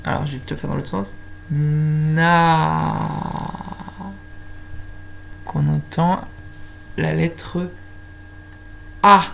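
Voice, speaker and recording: Slow, patient woman teaching phonics. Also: low voice, vocal fry, a bit bright, a little hiss or hum. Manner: patient, stretches out syllables and sounds. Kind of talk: slow phonics lesson for young children.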